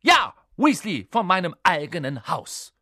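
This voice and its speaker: A man reading aloud, voicing a strict older female teacher who scolds in a shrill voice. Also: very animated, unhurried, bright, forceful tone, no room sound, studio quality, exaggerated voice. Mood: furious scolding. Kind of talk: audiobook character voice.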